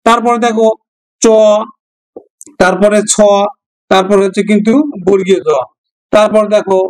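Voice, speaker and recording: A man with a Bangladeshi Bengali accent teaches an exam-prep grammar lesson in a fairly high voice. He moves step by step, poses questions to his students and answers them himself. He repeats each example to drive it home. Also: fairly even intonation, a little slow, poor audio.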